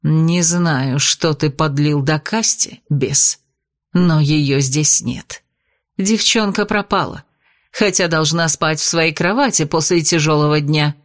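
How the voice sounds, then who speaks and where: A woman's voice: low voice, slow. A woman voicing a sultry, cold-hearted witch who speaks in a languid, purring way. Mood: stern.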